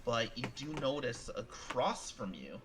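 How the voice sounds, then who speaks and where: A man narrating a tabletop game as game master, halting and repeating words as he describes the scene. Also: mid-range voice, sing-song.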